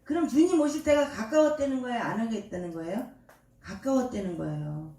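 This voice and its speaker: A woman's voice: fairly high pitch, lively intonation, fairly quick, warm tone. An older woman pastor preaching a sermon, quizzing the congregation with call-and-response questions and homely, folksy examples. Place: church sanctuary. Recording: echoey church from far off.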